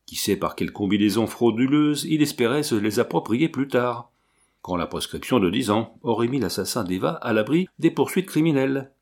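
A man's voice: mid-range voice, expressive, moderate pace, a little mellow. A man reading as an earnest wounded officer. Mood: earnest, urgent. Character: ardent young officer, wounded, earnest and passionate.

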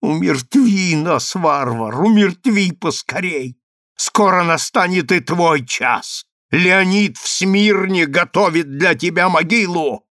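A shrill, scornful young woman flings insults at everyone around her, as a male reader puts her on. Her voice sits high and loud, pushed up well above a plain speaking voice, in a dry, close audiobook sound. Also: expressive, unhurried, few pauses, no echo. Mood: raging. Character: spiteful defiant young woman, furious and scornful.

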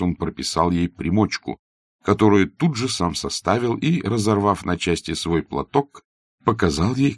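Deep, gravelly male audiobook narrator. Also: no room sound, studio quality. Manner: measured, even reading. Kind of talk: scripted literary narration.

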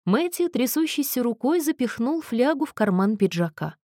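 A woman narrating an audiobook in an even, measured storytelling manner. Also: on the high side, no room sound, studio quality. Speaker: audiobook reader. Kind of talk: scripted narration.

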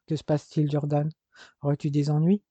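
A reader doing a brisk, busy father. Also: medium pitch, monotone, warm tone, no room sound, lo-fi sound, close to an everyday voice.

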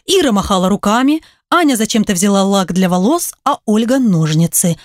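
A woman narrating an audiobook in an even storytelling voice. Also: mid-range voice, brisk, no echo, studio quality. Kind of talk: scripted narration.

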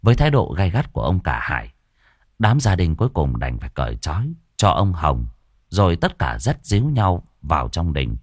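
A man narrating a ghost story in a dramatic, expressive way. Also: low voice, normal speed, dry recording, studio quality. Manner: dramatic, expressive storytelling with coarse folk curses.

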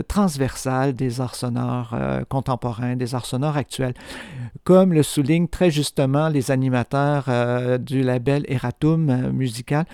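A male radio host with a Quebec French accent and a dark, mellow tone. He presents in a measured, deliberate manner. His voice is smooth and recorded close and dry. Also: mid-range voice, no room sound. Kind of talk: radio presentation of sound art.

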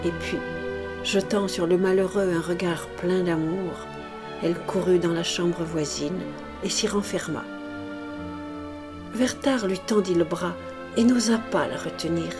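Woman narrating a classic novel. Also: fairly low pitch. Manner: measured, dramatic reading. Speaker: audiobook reader. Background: music.

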